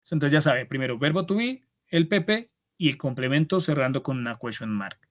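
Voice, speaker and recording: A man with a Colombian accent teaching an online English class, patient and repetitive, slowing down for model phrases. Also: mid-range voice. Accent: Colombian Spanish. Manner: patient, repeats words, slow model phrases. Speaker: English instructor. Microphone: computer mic on a video call. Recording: lo-fi video call audio.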